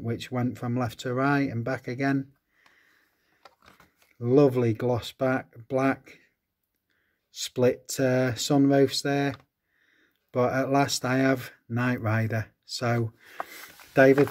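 A man's voice: medium pitch, a little mellow. A man from England, hosting a casual unboxing chat about diecast models, full of fond exclamations. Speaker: host of a diecast collecting channel.

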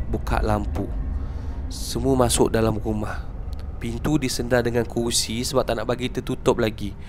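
A man with a Malaysian accent telling a horror story casually, with chatty asides and dramatic emphasis. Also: mid-range voice.

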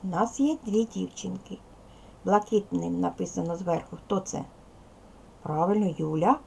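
This teacher's voice is lowish and a little mellow, with vocal fry and a measured pace, over slight background noise. Her video lesson for second graders moves patiently step by step, with counting aloud and talk aimed at little children.

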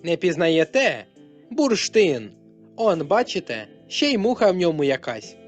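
Guy putting on a high-pitched cheerful teen boy, sporty and chatty, upbeat storybook voice, quiet guitar under it. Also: big pitch swings, unhurried. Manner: loud, upbeat, exclamatory.

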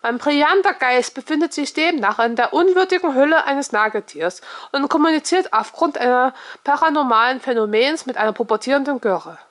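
A stiff, pompous retired police inspector, as a woman reads him aloud, formal and easily offended, his voice riding a little high. He scolds in a huffy, proper tone, as in a storybook read aloud. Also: expressive, brisk, few pauses, a bit bright. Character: pompous retired male police inspector ghost in a guinea pig.

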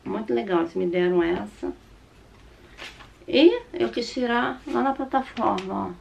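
A middle-aged Brazilian woman talks casually to her camera as she shows off things she bought. Her voice is throaty and slightly hoarse from a sore throat, with a gravelly creak. There is faint noise in the recording. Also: medium pitch, expressive, a little slow, a little mellow, dull audio. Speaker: vlogger. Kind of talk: casual chat showing purchases to camera. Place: small room at home, indoors.

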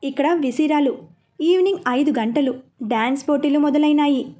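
A woman reading a romance serial aloud as a storyteller, in a steady narrating manner. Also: high voice, normal speed.

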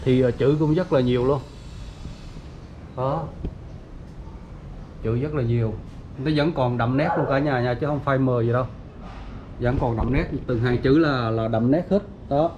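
Outdoors at a cemetery gate, a man with a mid-range voice gives a casual walking tour of a family grave site for his vlog. He talks a little slowly with long pauses, fills his speech with fillers, and addresses viewers as "everyone," over a noisy background in a dull, lo-fi recording.

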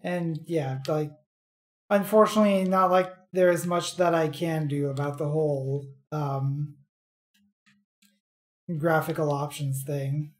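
A woman streamer commenting casually on a game as she plays. Her voice is low and she takes her time, musing dryly to herself. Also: steady tone, unhurried.

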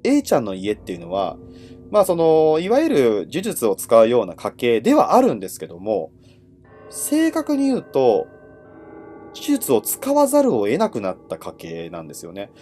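A man telling ghost stories as a livestream host in casual, conversational speech, with dramatic pauses and phrase endings that trail off. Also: mid-range voice, huge pitch swings, dark tone, slight background noise. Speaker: horror storyteller and host.

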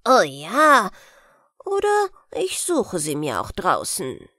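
A woman voicing an evil old male wizard in a bedtime fairy tale, speaking slowly and gloatingly, sometimes dropping to a hush. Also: mid-range voice, wildly swooping pitch, no echo, studio quality, full character voice. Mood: sinister coaxing. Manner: slow, gloating, hushed in places.

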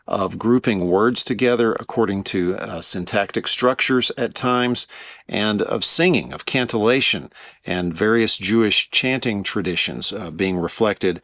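A man teaching about the biblical languages in a measured, explanatory lecture, with the odd filler as he works through a point. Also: fairly low pitch, a bit bright, dry recording.

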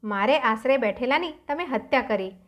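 A woman's voice: on the high side, lively intonation, normal speed, muffled recording, lightly acted. A woman voicing a dutiful young king in a folk tale reading, speaking with dismay and reproach.

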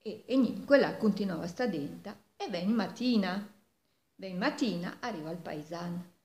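A woman's voice: fairly low pitch, animated, moderate pace, darkish tone. A woman in her seventies with a Milanese accent tells an old folk tale like a storyteller at home. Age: 70s. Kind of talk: oral folk tale told in Milanese dialect. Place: living room at home, indoors. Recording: echoey room, distant microphone.

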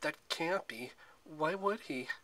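A man's voice: on the high side, takes it slowly, sharp tone, pitched above the performer's own voice, poor audio. A man doing a blunt, wary demigod girl. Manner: blunt cautious warnings.

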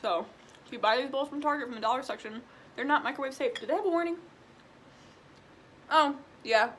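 Her voice is high, a bit bright, and slightly rough, moving fairly quickly. She's a twenty-year-old vlogger from Illinois eating during a laid-back mukbang Q&A chat, answering viewer questions indoors in a small room at home, chatty and full of "like" and "um."

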